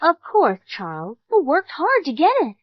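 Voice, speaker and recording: A woman's voice: sits high, huge pitch swings, normal speed, no echo. A woman dubbing a sarcastic young woman from the groom's family who mocks the bride's mother. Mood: mocking. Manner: sarcastic, taunting. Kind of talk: English drama dub. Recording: dull dry studio dub.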